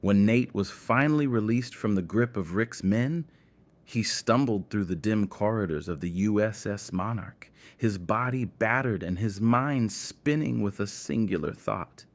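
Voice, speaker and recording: A man's voice: fairly low pitch, unhurried. A man narrating a scripted dramatic story.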